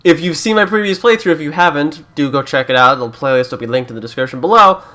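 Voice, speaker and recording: A man's voice: fairly high pitch, fast talker, bright, forceful tone. A young Canadian man who is a YouTuber, chatting casually through a let's-play, joking and reading game prompts aloud.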